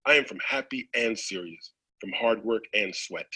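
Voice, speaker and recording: A man's voice: on the low side, moderate pace, sharp tone, husky, poor audio. A man on a radio show chatting with enthusiasm and jokes, then reading a community poem. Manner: enthusiastic, jokey. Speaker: radio poetry contributor.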